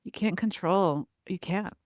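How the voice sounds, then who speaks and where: A middle-aged woman talks through parenting advice in a relaxed interview, slipping into animated quoted asides. Her voice sits a little low for a woman. The sound is dry and close to the mic, with no room around it. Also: no room sound. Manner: animated, acts out parent-child exchanges in quick quoted asides. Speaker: parenting expert guest. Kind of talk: conversational interview.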